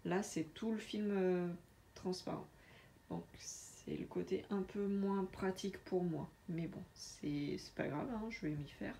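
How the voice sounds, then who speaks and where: Lady rambling slowly about her craft kits, lots of euhs, lowish voice. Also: mellow, a little hiss or hum. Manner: hesitant, many filler pauses. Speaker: diamond painting vlogger. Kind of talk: casual unboxing chat.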